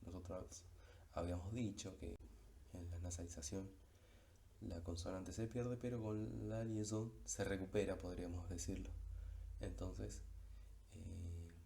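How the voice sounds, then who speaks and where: Low-voiced guy teaching, slow and patient, lots of ums, mellow tone. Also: little pitch movement, vocal fry, slight background noise. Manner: slow, patient explanation, stretching out the example words. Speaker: French teacher. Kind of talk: explaining a slide in a recorded lesson.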